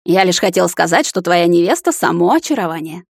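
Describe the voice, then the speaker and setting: A woman's voice: on the low side, expressive, brisk, dry recording, clean studio sound. Woman doing a jaunty teasing prince. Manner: loud, jaunty, mocking. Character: cheerful, teasing young male prince. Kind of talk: audiobook character voice.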